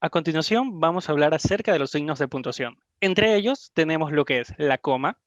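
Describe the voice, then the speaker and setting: A man's voice: fairly high pitch, animated, fairly quick, no echo, highs cut off. Young Ecuadorian man announcing topics. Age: young adult. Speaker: student presenter. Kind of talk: read class introduction.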